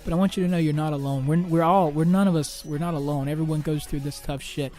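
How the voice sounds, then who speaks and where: Halting young man venting on a podcast. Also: fairly high pitch, fairly even intonation, dark tone. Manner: halting, many restarts and fillers, swears freely. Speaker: podcast host. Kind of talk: personal monologue.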